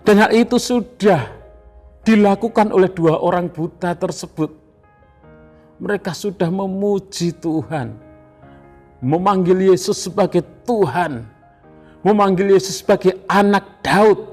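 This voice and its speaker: A man with an Indonesian accent preaching an evening devotional sermon, slow and emphatic, repeating phrases. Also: sits high, a little mellow, soft background music. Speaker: pastor.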